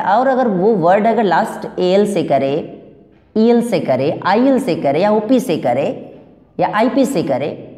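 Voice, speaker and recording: A woman teaching spelling rules, speaking English, slowly repeating words and checking that her students follow. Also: medium pitch, dark tone. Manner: slow, repeats words and asks "clear?". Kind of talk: spelling lesson. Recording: echoey room with long reverb.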